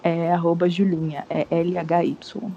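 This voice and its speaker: Woman, 30s, friendly guest, lowish voice, dull mic with faint hiss. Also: level tone, unhurried, gravelly, warm tone. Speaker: podcast guest. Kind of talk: casual podcast chat.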